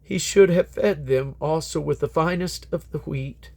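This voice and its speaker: A man with a slightly high, a little mellow voice reads scripture aloud as a Bible reader, at a measured pace with some vocal fry. His delivery is solemn and declamatory, his phrases falling away at the ends.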